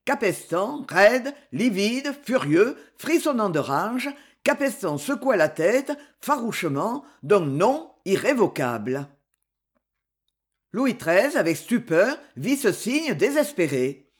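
Husky, animated audiobook narrator for a historical novel, dramatic phrasing. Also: mid-range voice.

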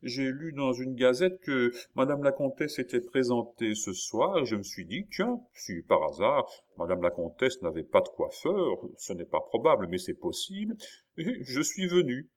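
A man's voice: mid-range voice, sing-song, moderate pace, voice pushed up, lightly acted. A courteous young hairdresser, sure of his talent, voiced by a man reading a storybook aloud. The voice sits a little above the reader's own and moves a great deal. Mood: earnest. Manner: polite, self-assured. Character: confident young male hairdresser, Léonard.

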